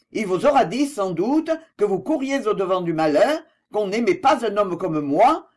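A reader voicing a bitter, jealous man in an audiobook, speaking sharply and sarcastically in a raised, strained voice. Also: high voice. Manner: sharp, sarcastic and pleading by turns. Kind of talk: audiobook dialogue reading.

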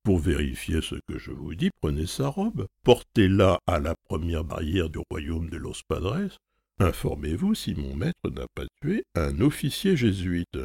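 Shrewd, steady manservant, as a male reader puts him on, with a deep gravelly voice and a lively, measured delivery. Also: no echo, clean studio sound, heavily acted. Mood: persuasive. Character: shrewd loyal male servant, calm and persuasive.

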